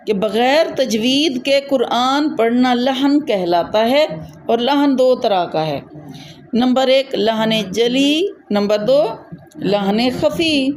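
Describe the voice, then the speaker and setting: A woman's voice: high voice, darkish tone, a little hiss or hum. Patient woman teaching tajweed. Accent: Pakistani Urdu. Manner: patient, explains slowly and checks understanding. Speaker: Quran teacher. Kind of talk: tajweed lesson to a student.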